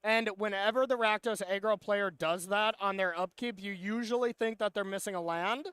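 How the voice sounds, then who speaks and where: A man's voice: high-pitched, fairly even intonation, moderate pace, fairly bright tone, smooth, dry recording. A man giving live play-by-play commentary on a card game, analytical with dry sarcasm.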